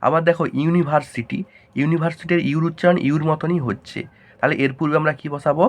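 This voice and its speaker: A man teaching a grammar lesson, asking questions and answering them himself in a lower voice. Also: steady tone, fast talker.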